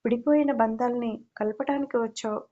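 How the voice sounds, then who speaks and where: A woman's voice: a little high, a little fast, dark tone, lightly acted. Lady reading an angry young guy, harsh threats, mellowish voice, bit lo-fi. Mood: furious. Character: furious young man guarding his grieving father.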